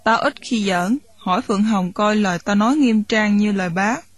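A bold schoolgirl speaks bluntly and firmly, as a woman reading the story voices her. The voice is husky and breathy. The sound is dry and close. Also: medium pitch, moderate pace, no echo, close to an everyday voice. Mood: serious. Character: bold scheming schoolgirl, serious.

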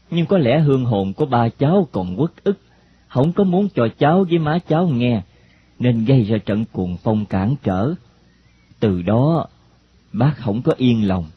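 A man voicing a calm, friendly middle-aged stranger, speaking slowly and hesitantly. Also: medium pitch. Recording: dull lo-fi recording, faint hiss.

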